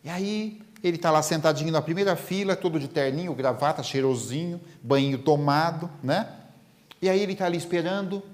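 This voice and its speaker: Lively lecturer in a hall. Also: male voice, fairly high pitch, a little fast. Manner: animated storytelling that acts out the dialogue. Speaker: spiritist lecturer. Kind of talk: lecture told as anecdotes.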